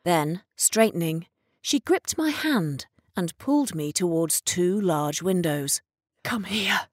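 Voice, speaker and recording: A woman's voice: lowish voice, animated, slow, darkish tone, no echo, studio quality. A middle-aged woman, a music therapist, narrating a personal story in an earnest, reflective way.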